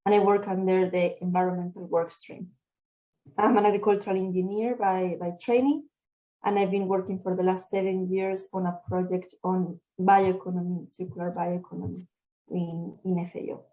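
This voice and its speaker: Woman engineer on a webinar, low and flat, mellow tone, restarts often. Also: normal speed, lo-fi sound. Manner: repeats words, restarts. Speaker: agricultural engineer, presenter. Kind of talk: webinar introduction. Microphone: video call.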